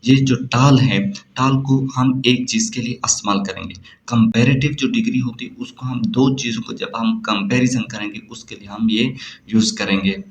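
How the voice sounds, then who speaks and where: Slow explaining male teacher. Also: medium pitch, a little hiss or hum. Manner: slow, explanatory, repeats key terms. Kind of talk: classroom grammar lesson.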